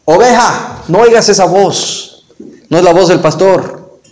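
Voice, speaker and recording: A man's voice: high voice, unhurried, a little mellow, echoey room. A man preaching a sermon as pastor. He reads scripture aloud, then turns to the listeners with emphatic, rising exhortations.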